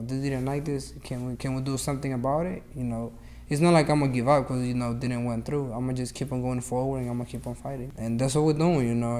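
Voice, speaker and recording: Flat, mellow young man. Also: mid-range voice. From Honduras. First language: Spanish. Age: late teens. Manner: earnest, determined, many fillers. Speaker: student activist. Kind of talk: interview testimony.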